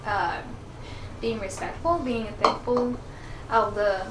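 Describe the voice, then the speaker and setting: A woman's voice: medium pitch, fairly even intonation, takes it slowly, distant mic. A woman hosting a friendly chat over a meal and teaching her guests phrases. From Japan. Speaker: host. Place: restaurant. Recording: echoey room with noise.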